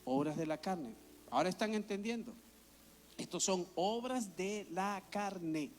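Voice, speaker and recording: High-voiced man preaching a sermon. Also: measured pace. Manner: animated storytelling with acted-out quotes. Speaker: pastor.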